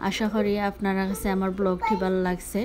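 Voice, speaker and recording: A woman's voice: mid-range voice, level tone, fast. A young woman from Sylhet with a Sylheti Bengali accent, talking frankly to her viewers in a casual vlog, mixing in English words. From Sylhet, Bangladesh. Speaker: vlogger. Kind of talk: casual talk to camera.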